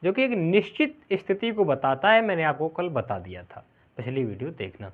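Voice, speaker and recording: A man teaching a grammar lesson, explaining slowly, drawing out the example words and often checking whether the class follows. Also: a little high, big pitch swings. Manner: explains slowly, keeps asking "clear?". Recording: tinny phone-like sound.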